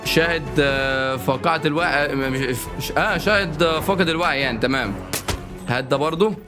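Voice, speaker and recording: Fast-talking excitable Egyptian gamer man. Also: on the high side. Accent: Egyptian Arabic. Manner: excitable, jokey, bursts into panicked repeated shouts. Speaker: gaming YouTuber. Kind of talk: let's-play gameplay commentary. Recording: game music playing underneath.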